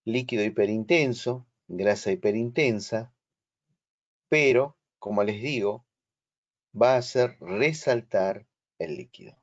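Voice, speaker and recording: A man with a Rioplatense Spanish accent lectures slowly, pausing to check that his students are following. His voice sits on the low side. The sound is muffled, like a video call. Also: animated. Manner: slow, explanatory, checks understanding. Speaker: instructor. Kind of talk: online lecture.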